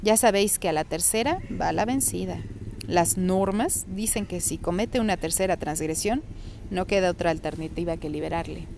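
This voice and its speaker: A woman voicing a caring mother who holds a senior post in the justice department, speaking in a soft, sympathetic murmur. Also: fairly low pitch, moderate pace, vocal fry, a little hiss or hum. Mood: worried. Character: caring mother, a stern but gentle judge.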